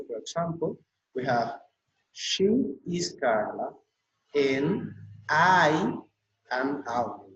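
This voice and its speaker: A male teacher gives an English lesson at an unhurried, deliberate pace, repeating each word for his students. His voice sits a little high for a man. The audio is dull and lo-fi, with a noticeable echo around him. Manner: slow and repetitive, drilling words with many fillers. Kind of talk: classroom lesson video. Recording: echoey room, dull lo-fi audio.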